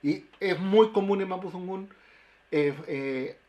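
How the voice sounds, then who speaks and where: A man, a linguist explaining pronunciation in a webinar, with halting speech full of fillers and restarts. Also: high-pitched, darkish tone. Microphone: video call.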